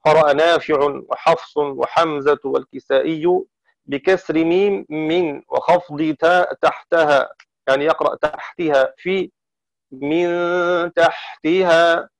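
A man teaching variant Quran readings, deliberate and methodical, slowing down to intone the quoted verses. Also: fairly high pitch, steady tone, creaky, no room sound. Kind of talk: explaining variant Quran recitations. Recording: dull dry lo-fi recording.

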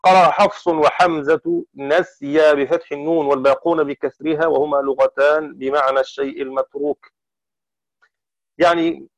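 A man teaching variant Quran readings, deliberate and methodical, slowing down to intone the quoted verses. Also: on the high side, no room sound. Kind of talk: explaining variant Quran recitations. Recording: dull dry lo-fi recording.

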